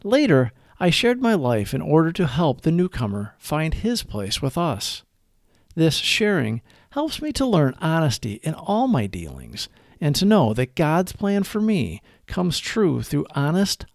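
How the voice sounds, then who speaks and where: This host of a daily recovery reading has a slightly high voice and reads his scripted reflection with highly animated, shifting intonation. Each phrase comes out deliberate, earnest and measured. The audio is close-miked and dry, with no room sound.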